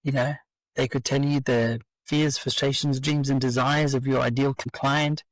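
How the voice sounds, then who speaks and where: Gravelly man, eager business pitch. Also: flat delivery, measured pace, no echo, rough recording. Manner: enthusiastic, explanatory, persuasive. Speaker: business coach guest. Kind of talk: casual conversational interview.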